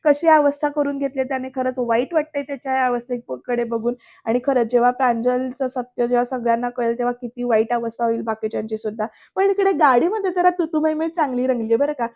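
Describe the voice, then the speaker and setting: A woman's voice: high voice, steady tone, fast, hardly any pauses, darkish tone, lo-fi sound. A woman narrating a voice-over episode review in a chatty way, talking straight to the viewers. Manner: chatty, addresses the viewers directly. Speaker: serial reviewer.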